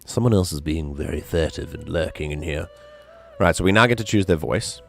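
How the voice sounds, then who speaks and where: Low-voiced man streaming a game. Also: brisk, vocal fry, faint music behind. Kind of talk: casual livestream chat.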